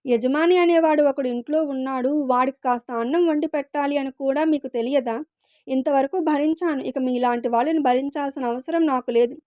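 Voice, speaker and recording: A woman's voice: sits high, fairly quick, warm tone, no echo, studio quality, natural voice. A woman voicing an old, neglected father who scolds his servants in anger in a read-aloud story. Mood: angry. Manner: angry, complaining. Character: old neglected father, angry then resigned.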